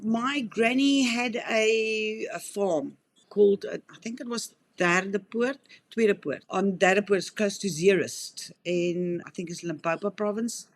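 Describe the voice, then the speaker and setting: A South African woman in her fifties speaks at a measured pace in a medium-pitched voice, explaining things earnestly and at length. She frequently backs up and restarts her sentences, sounding like a wildlife rehabilitator answering interview questions.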